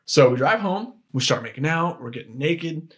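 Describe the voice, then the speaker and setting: A man's voice: a little high, animated, normal speed, a bit bright. A young man, a podcast guest, telling a personal story in casual chat, full of restarts and filler words. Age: young adult. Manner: rambling, with frequent restarts and "like" fillers.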